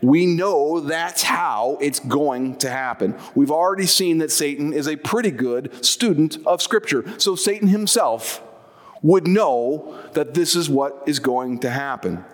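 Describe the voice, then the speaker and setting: Male preacher, easygoing explanatory delivery, somewhat high pitch, echo of a long hall. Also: expressive, a little slow. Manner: conversational, explanatory preaching with asides. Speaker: pastor. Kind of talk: sermon.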